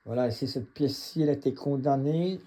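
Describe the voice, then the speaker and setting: Husky, medium-pitched and mellow, this middle-aged vlogger from the Mons region speaks with a Belgian French accent. He owns a home gym and shows it off in an unscripted, casual tour, talking bluntly and colloquially with frequent hesitations.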